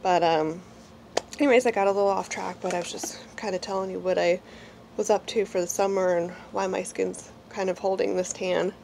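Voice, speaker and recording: Speaking a little fast, a forties-aged woman with a cold talks through a beauty product review at home in a small room, rambling and heavy on fillers. Her medium-pitched voice is steady, creaky, a little mellow, and congested with a slight nasal quality. Slight background noise is present.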